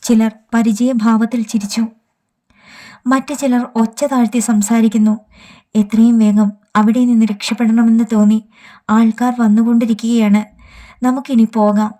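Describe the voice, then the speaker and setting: A woman reading a novel aloud as an audiobook narrator, in steady scripted narration. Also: fairly high pitch.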